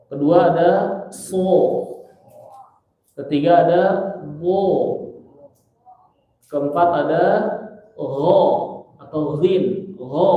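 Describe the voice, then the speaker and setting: A man's voice: a little high, phone-quality sound. A middle-aged man teaching Quran pronunciation, patiently repeating letter sounds to demonstrate them. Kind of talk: tajwid lesson with spoken demonstrations. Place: large mosque hall. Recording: very echoey mosque hall.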